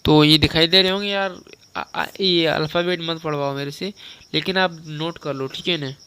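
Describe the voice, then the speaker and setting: A young male teacher with a high, bright voice gives a relaxed grammar lesson. His delivery is crisp and clear, and he keeps repeating definitions and asking the listener questions. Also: normal speed. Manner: conversational, repeats points and quizzes the listener. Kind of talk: spoken lesson on Hindi grammar.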